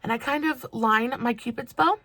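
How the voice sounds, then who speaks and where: A woman's voice: fairly high pitch, normal speed, bright, forceful tone, no echo. A woman about to turn thirty-one, chatting through a makeup tutorial in a gushing, casual way. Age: 30s. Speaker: makeup vlogger.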